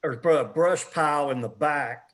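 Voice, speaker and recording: Halting Kentucky homeowner man. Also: fairly high pitch. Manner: halting, many restarts. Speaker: homeowner applicant. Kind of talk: public meeting discussion.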